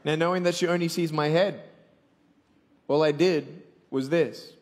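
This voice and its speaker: A man in his twenties with an Australian accent delivers a joking, motivational sermon as an evangelist, calling on his live audience to respond. His voice sits a little high and sounds a little mellow, with fairly even intonation and an unhurried pace. A long hall reverb surrounds the recording.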